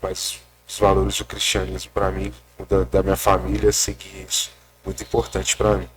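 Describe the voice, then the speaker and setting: A young man, speaking hesitantly with many restarts and pauses while recounting his story in an interview at a rural rehab center. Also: sits low, completely flat delivery, slightly rough. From Minas Gerais, Brazil. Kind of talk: casual personal account.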